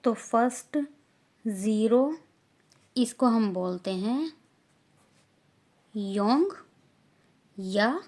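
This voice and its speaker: Casting note: Indian woman teacher, very slow, careful drill delivery. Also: on the high side. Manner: drawn-out, deliberate, stressing each syllable loudly when drilling. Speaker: language teacher. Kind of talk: slow classroom explanation with repetition drills.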